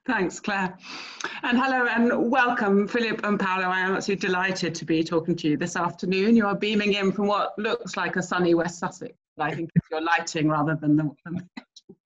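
A woman's voice: medium pitch, steady tone, a little fast, a bit bright. Woman interviewer, friendly and chatty, lo-fi call audio. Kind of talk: interview questions. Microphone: video call.

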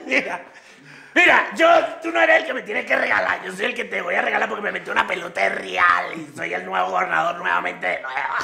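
A man playing a giddy, boastful male politician who visits Santa, shouting and laughing through his lines. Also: high voice, fairly quick, vocal fry, echoey room, full character voice.

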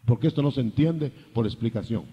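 An older man preaching a sermon, lively, acting out biblical dialogue in changing voices. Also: medium pitch, a little fast, slightly rough, big-room sound, lo-fi sound.

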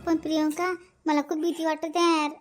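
A jittery cartoon village woman with a Vidarbha accent, quiet and hesitant, as a woman voices her. She sounds high-pitched and shaky. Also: flat delivery, normal speed, music in the background, lightly acted. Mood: fearful. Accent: Vidarbha Marathi. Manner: fearful, hesitant, soft. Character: timid frightened village woman, the elder sister.

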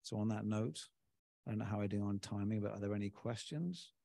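A man's voice: fairly low pitch, brisk, creaky, dark tone, dry recording, clean studio sound. A man giving an informal presentation as a conference speaker.

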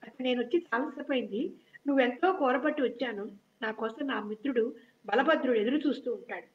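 A woman reading the lines of an earnest young prince in disguise, speaking calmly and plainly, in a children's story reading. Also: high-pitched, brisk, natural voice. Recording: dull lo-fi recording.

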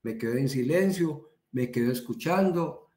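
A man's voice: mid-range voice, expressive, moderate pace, a little mellow. A man with a Colombian accent giving a training talk in a conversational way, repeating words for emphasis. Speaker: instructor. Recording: roomy echo.

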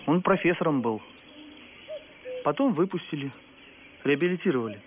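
Actor as restrained young soldier, phone-like sound. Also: male voice, a little high, expressive, moderate pace, crowd noise, natural voice. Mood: subdued, matter-of-fact. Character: earnest young half-German Russian soldier, reserved. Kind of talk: film acting. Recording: phone-like film audio, faint outdoor noise.

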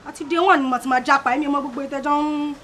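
An actress with a Nigerian accent playing a sly young woman who gossips in a hushed voice. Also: high voice, steady tone, very fast, a little hiss or hum. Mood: gossipy.

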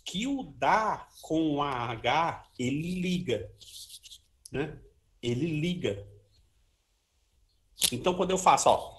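A man's voice: on the high side, expressive, takes it slowly, long pauses. Chatty man teaching trombone. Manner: chatty, sings syllables, many "ó" and "né" tags. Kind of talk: informal music lesson.

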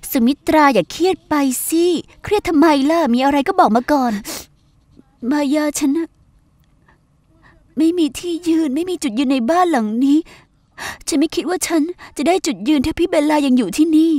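A woman dubbing a high-voiced plotting housewife. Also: moderate pace, darkish tone, no room sound, natural voice. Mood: conspiring. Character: scheming young woman of a wealthy household. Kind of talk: Thai dub of a TV drama.

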